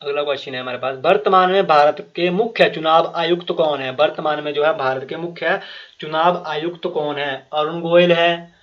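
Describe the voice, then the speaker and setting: A man with a fairly high voice runs an exam-prep quiz lesson, reading out each question and its options before explaining the answer. He repeats himself often and talks straight to the viewers. The recording sounds muffled and lo-fi. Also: fairly even intonation, moderate pace. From Himachal Pradesh. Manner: frequent fillers and restarts, addresses viewers directly. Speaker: quiz teacher.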